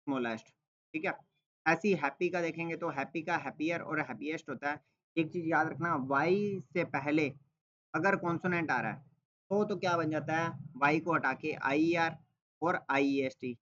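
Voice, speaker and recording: Male grammar teacher, a touch high-pitched, patient step-by-step delivery, muffled recording. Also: a bit bright. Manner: explains step by step, repeats "ठीक है" and asks rhetorical "क्या" questions. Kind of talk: classroom-style grammar lesson.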